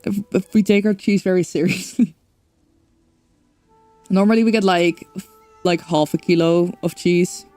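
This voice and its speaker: This Dutch-accented woman from the Netherlands talks a little slowly, leaving long pauses, while she chats casually during a game stream and rambles with lots of fillers. Her fairly low, mellow voice holds a steady tone, with no echo and soft background music.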